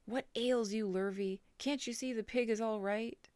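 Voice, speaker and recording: A woman voicing an excitable middle-aged male farmer who hollers when flustered. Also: medium pitch, extremely slow, no room sound, heavily acted. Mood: exasperated.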